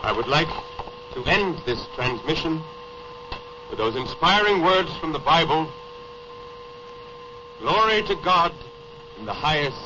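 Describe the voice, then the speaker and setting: A man's voice: a little high, sing-song, measured pace, long pauses. A man playing an early radio inventor addressing ships at sea, speaking formally, heard over AM radio with a hum. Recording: muffled radio with loud hum.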